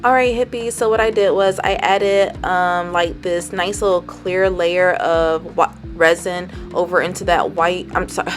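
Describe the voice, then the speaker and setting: A woman narrates a crafting tutorial in a relaxed, rambling voice-over, filling gaps with "um" and "like." Her voice sits on the lower side. Soft music plays faintly behind her. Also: a little slow, hardly any pauses. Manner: chatty and rambling, heavy on fillers like "um" and "and everything".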